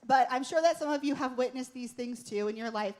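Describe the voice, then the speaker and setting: A woman's voice: high-pitched, a little fast, a little mellow. Earnest woman preaching. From Pennsylvania. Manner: earnest storytelling, tag questions. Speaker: worship leader, guest speaker. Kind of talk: conversational sermon. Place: church stage before a congregation.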